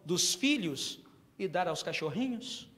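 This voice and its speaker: A Brazilian pastor voicing gentle, fatherly Jesus. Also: high-pitched, very animated, slow pace, heavily acted. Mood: tender. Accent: Brazilian Portuguese. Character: gentle, tender adult male Jesus. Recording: long hall reverb.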